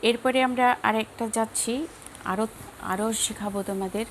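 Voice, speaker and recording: A young Bangladeshi woman teaching a lesson, speaking slowly and carefully and repeating each word for her students. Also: a little high, steady tone, a little hiss or hum. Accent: Bangladeshi Bengali. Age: young adult. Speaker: Sanskrit teacher. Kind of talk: classroom lesson, slow repetition drills.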